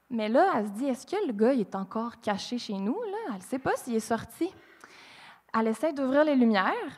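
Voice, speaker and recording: A woman with a Québécois accent telling a true crime story on stage at a live podcast taping, animated and acting out the quoted lines, with many fillers. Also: fairly high pitch. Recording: long hall reverb from a live venue.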